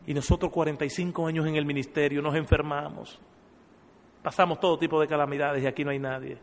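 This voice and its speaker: A man voicing an elderly male missionary, first plaintive and then quietly resolved, in a reverberant hall. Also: fairly high pitch, little pitch movement, fast talker, lightly acted. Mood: aggrieved. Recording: long church hall reverb.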